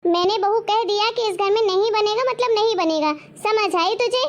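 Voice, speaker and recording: Playing a mean, miserly mother-in-law in a homemade family web drama, a woman with a very high voice speaks at normal speed. She scolds her daughter-in-law, taunts her, and keeps repeating demands.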